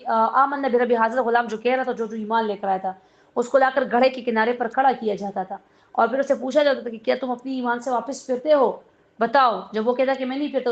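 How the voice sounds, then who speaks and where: A woman gives a religious lesson on a surah in a fairly high voice, retelling its story in a storytelling way. She stops to explain words as she goes. The recording sounds dull and lo-fi. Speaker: Quran teacher.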